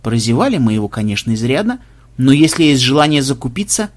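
A man voicing a practical young woman who talks in a brisk, matter-of-fact way, in an audiobook. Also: mid-range voice, very animated, natural voice. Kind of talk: audiobook character voice.

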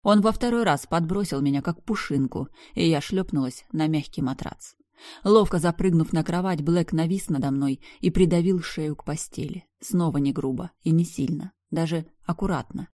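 A woman's voice: low-pitched, moderate pace, darkish tone, no echo, clean studio sound. Woman narrating a romance audiobook. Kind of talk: first-person audiobook narration.

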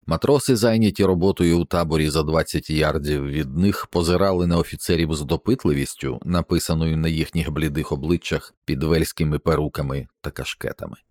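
Very deep-voiced male audiobook narrator. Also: no room sound, studio quality. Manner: steady, measured reading. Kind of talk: scripted narration.

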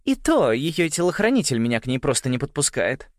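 A man's voice: mid-range voice, big pitch swings, brisk, no room sound, studio quality, pitched above the performer's own voice, close to an everyday voice. A man voicing a proud, assertive schoolgirl in a storybook. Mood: boastful.

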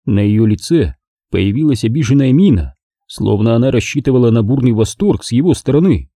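A man narrating an audiobook in an expressive storytelling manner. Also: medium pitch, fairly quick, no room sound, studio quality.

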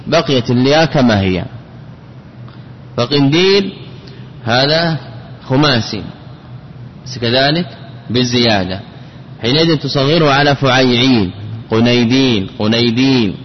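A man with a medium-pitched, expressive voice teaches a classical Arabic grammar lesson at an unhurried pace, pausing often. He repeats words and spells out patterns syllable by syllable. The recording is dull and lo-fi, with long reverb and faint noise.

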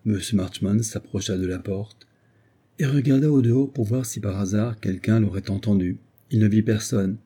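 A man reading a classic novel aloud as an audiobook narrator, in a measured, even manner. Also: on the low side, husky. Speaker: audiobook reader.

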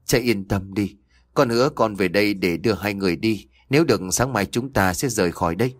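A man voicing a calm, loyal young husband who makes promises in a storybook reading. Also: fairly low pitch, brisk, no room sound, close to an everyday voice. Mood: earnest. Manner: calm, reassuring.

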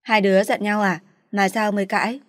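A woman's voice: mid-range voice, steady tone, fairly quick, no room sound, natural voice. Brief: woman voicing a harsh middle-aged mother, raised and scolding, dry close sound. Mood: worried.

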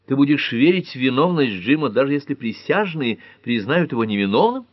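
A man's voice: medium pitch, very animated, fairly quick, dry recording, pitched above the performer's own voice. Man voicing a young earnest woman. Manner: earnest, protesting.

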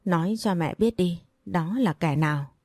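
A woman's voice: fairly low pitch, moderate pace, darkish tone, dry recording, clean studio sound. A woman reading a worried, loving mother pressing her daughter. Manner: pleading, urgent questioning. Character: worried mother, poor, stern but loving.

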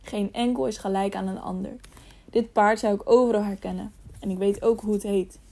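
A woman's voice: medium pitch, fairly even intonation, fairly quick, close to an everyday voice. A woman reading as a stern grey knight. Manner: sharp, stern questioning. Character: stern grey knight, grown man, commanding.

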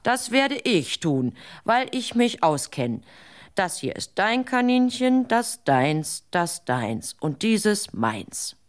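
A woman voicing a foolish man who thinks himself clever, talking slowly and self-importantly. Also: low-pitched, close to an everyday voice. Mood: pompous.

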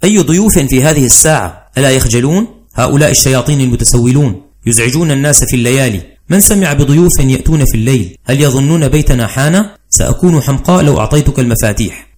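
A man voicing an irritable, sharp-tongued wife in a dramatized audiobook, scolding. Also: medium pitch, lively intonation, fast, lightly acted.

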